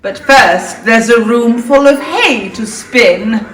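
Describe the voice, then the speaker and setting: A woman's voice: fairly high pitch, lively intonation, takes it slowly. A woman playing a pompous, imperious pantomime king, speaking rhyming lines with theatrical menace. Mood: gleeful menace. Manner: theatrical, pompous, swooping delivery. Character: boastful, imperious king, gleefully threatening, in a pantomime. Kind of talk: rhyming amateur pantomime acting. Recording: echoey room, distant microphone.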